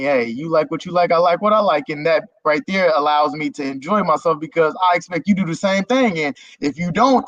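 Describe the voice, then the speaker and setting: This guest, a German content creator on a video call, rambles easily about himself in casual interview talk. His slightly high voice is fairly bright, and the dull lo-fi stream recording is dry.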